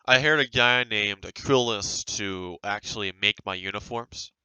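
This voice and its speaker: Very bright, crisp man, casually defensive. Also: lowish voice, measured pace, no echo, rough recording. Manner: defensive, rambling. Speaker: game developer reacting to a review. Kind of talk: casual off-the-cuff commentary.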